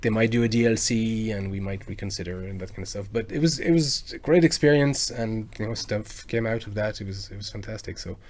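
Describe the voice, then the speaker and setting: Low-voiced Frenchman chatting on a stream. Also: fairly quick, hardly any pauses, a little hiss or hum. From France. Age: 40s. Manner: chatty, rambling, with frequent bursts of excitement. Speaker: live stream host and game music cover artist. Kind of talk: casual live-stream chat, answering viewers.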